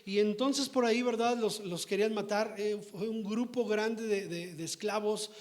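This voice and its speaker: A man's voice: high-pitched, steady tone, normal speed. A male pastor preaching a sermon in a church, fervent and constantly checking in with his congregation.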